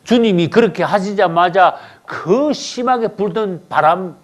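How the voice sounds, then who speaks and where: Animated preaching man, swinging pitch. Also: a little slow. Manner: emphatic preaching with rhetorical questions; swings from loud outbursts to low murmurs. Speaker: pastor. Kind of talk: sermon.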